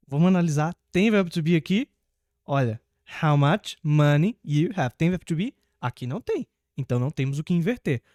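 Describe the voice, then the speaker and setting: Man teaching English, fairly high voice. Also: a little mellow, no echo, studio quality. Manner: slows down to spell out English example sentences; patient, repeats key points. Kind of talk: explaining grammar to the viewer.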